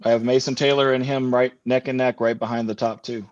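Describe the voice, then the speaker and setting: A man's voice: medium pitch, flat delivery, a little fast, no echo. A man talking fantasy football as a podcast guest in casual chat, rambling with lots of fillers and restarts. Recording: dull lo-fi remote audio.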